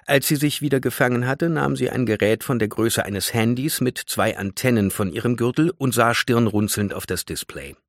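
A man narrating a storybook in a scripted, expressive reading. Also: mid-range voice, moderate pace, hardly any pauses, no room sound. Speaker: audiobook narrator. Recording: dry close studio sound.

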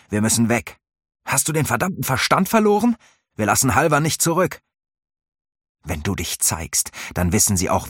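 A man voicing a gruff male warrior who barks hoarse orders in an audiobook. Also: on the low side, no echo, studio quality.

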